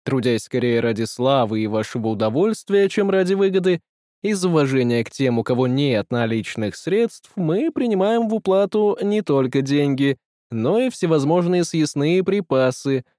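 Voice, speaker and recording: A man voicing a showy male strolling actor who cries out a show in a shrill falsetto with squeals, in a pompous mock-grand manner. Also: expressive, moderate pace, mellow, dry recording, studio quality, close to an everyday voice.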